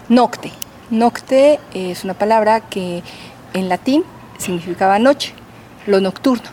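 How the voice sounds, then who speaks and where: Lady prof explaining stuff slowly, lots of ehs, bit of hiss behind. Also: mid-range voice, darkish tone. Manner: patient, teacherly, with many fillers. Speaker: linguistics professor. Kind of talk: explanatory interview answers.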